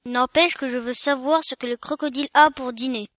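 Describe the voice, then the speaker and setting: A woman's voice: high voice, fairly even intonation, fairly quick, fairly bright tone, no echo, clean studio sound. A woman voicing a very polite, earnest and curious young elephant child in a storybook reading.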